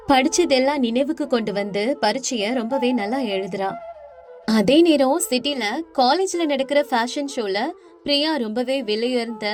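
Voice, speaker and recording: A woman giving scripted narration for an animated moral story. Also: a little high. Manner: clear, storytelling. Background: music.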